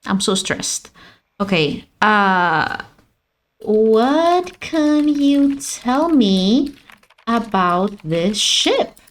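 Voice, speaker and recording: Slightly high and sing-song, this woman talks very slowly. She's a gaming streamer doing let's play commentary, playful and mock-dramatic, bickering with a character on screen as she plays the game.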